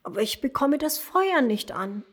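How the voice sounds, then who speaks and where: A woman voicing a small brown pony in a storybook, with a high childlike voice. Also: very animated, normal speed. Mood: tearful.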